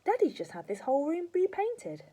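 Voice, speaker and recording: A woman's voice: high-pitched, huge pitch swings, normal speed, dark tone, voice pushed up. A woman doing an anxious young boy. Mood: anxious pleading. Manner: pleading, anxious.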